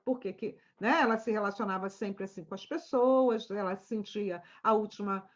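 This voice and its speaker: A woman's voice: medium pitch, normal speed, lo-fi sound. A woman with a Rio de Janeiro accent teaching schema therapy in a casual online lecture, telling patient stories and asking rhetorical questions. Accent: Rio de Janeiro Portuguese. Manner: lively storytelling, rhetorical questions.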